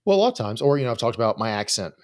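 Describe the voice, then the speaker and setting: This mid-range male voice is very animated and very fast. He's a host, psychologist and business coach for creators, giving informal solo advice in a blunt, no-nonsense way with lots of casual swearing.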